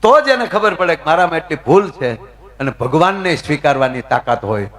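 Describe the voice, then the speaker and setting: A man's voice: fairly high pitch, lively intonation, a little fast, a bit bright. A middle-aged man with a Gujarati accent, a folk comedian telling chatty anecdotes live on stage and talking to the crowd. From Gujarat, India.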